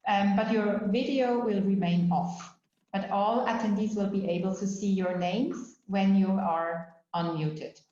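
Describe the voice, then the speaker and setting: A woman's voice: medium pitch, steady tone, measured pace, warm tone. A woman hosting an online workshop, explaining the steps in an orderly way with frequent um fillers. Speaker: workshop moderator. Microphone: video call. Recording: roomy, slightly dull video call audio.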